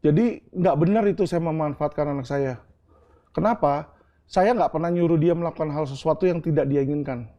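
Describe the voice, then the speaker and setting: A man's voice: on the high side, fairly quick, dark tone, muffled recording. A middle-aged man from Indonesia in an interview, answering earnestly and explaining with homely examples and asides like "right?". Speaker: interview guest.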